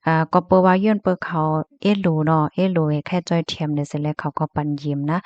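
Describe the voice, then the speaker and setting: Chatty woman with a low, dull-toned voice. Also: no echo. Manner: chatty, frequent fillers and soft laughs. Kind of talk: casual news chat reading comments. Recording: dull, slightly muffled dry recording.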